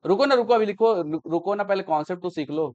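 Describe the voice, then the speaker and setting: A man's voice: high voice, quick pace, a little mellow, lo-fi sound. A man teaching a math class, explaining patiently, repeating each step and checking that students understand.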